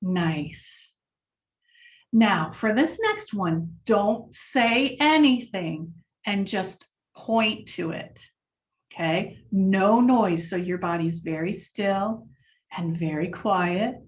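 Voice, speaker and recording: A woman leading a children's mindfulness lesson, speaking gently and encouragingly to the class. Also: mid-range voice, expressive, drawn-out words, distant mic.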